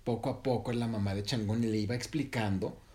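A man gently telling an improvised bedtime story to his child, pausing to correct himself. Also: lowish voice, steady tone. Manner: gentle, unhurried, self-correcting.

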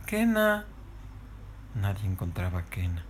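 Low gravelly-voiced mom telling a story. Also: female voice, moderate pace, a little hiss or hum. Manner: animated, playful narration. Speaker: mother telling a bedtime story. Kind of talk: storytelling to a child.

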